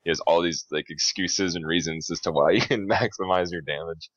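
Very deep-voiced man on a dull mic. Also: fairly even intonation, fairly quick, a bit bright, no room sound. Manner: chatty, laughs often, many fillers. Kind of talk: casual gaming podcast chat.

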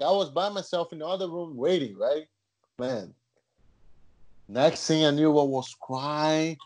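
A man from Brazil telling a personal story in a casual chat, animated and rising in pitch as he gets excited.

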